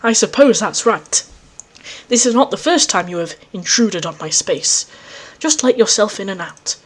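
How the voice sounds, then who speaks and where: A woman's voice: mid-range voice, lively intonation, moderate pace, natural voice. A woman reading the lines of a strong, sweaty young male troll who talks in a stiff, overly formal way.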